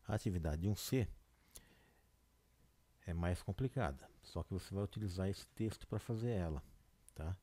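A Brazilian man teaching a casual lesson, explaining slowly and often checking in with the listener. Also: low-pitched, dark tone. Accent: Brazilian Portuguese. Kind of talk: casual classroom lesson video.

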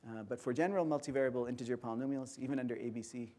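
Male conference lecturer, mellow tone, measured step-by-step delivery, auditorium. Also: mid-range voice.

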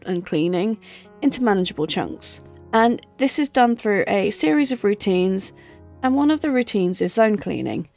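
Gentle chatty woman with a gravelly edge. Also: fairly high pitch. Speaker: cleaning vlogger. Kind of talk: calm voice-over narration. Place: home kitchen.

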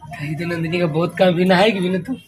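A man's voice: high-pitched, fairly even intonation, fast, a little hiss or hum. A man chatting casually to his viewers in a home vlog, recorded on a handheld phone at home. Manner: chatty, keeps addressing viewers as friends. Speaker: family vlogger.

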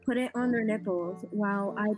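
A woman's voice: mid-range voice, normal speed, soft background music. A woman in her twenties chatting on a webcam, giggly and chatty, filling her talk with "like". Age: 20s. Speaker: stranger on a video chat site. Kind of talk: casual video chat. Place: indoor room.

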